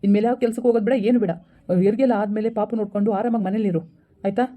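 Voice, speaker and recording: A woman's voice: medium pitch, fairly even intonation, racing, dark tone, natural voice. A woman voicing a doting, protective young husband who speaks insistently, with a rural Karnataka Kannada accent. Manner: pleading then insistent, calls her baby.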